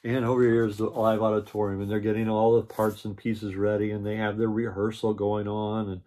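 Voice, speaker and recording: Older male, grandpa storyteller, lowish pitch, reading a picture book with repeated explanatory asides. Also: flat delivery, a little fast, warm tone. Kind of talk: read-aloud children's storytelling with asides.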